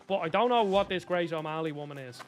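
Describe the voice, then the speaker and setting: A man with a Dublin accent chats over his gameplay in a high, light voice. He rambles and tosses out opinions in a loose, casual way. Faint game music plays underneath. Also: expressive, fast. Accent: Dublin Irish. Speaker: gaming YouTuber.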